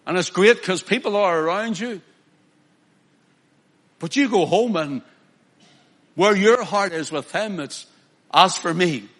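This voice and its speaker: A male preacher, delivering a sermon, swinging from loud emphatic declaiming to quiet pleading. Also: sits high, a little slow, pauses often.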